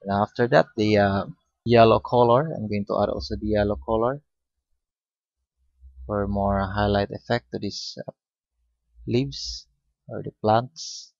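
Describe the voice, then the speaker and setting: A man giving a step-by-step painting lesson, speaking unhurriedly with many pauses and fillers. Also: on the low side, steady tone, vocal fry, darkish tone, no room sound. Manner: unhurried, hesitant with frequent fillers. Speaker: painting instructor. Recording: dull lo-fi recording.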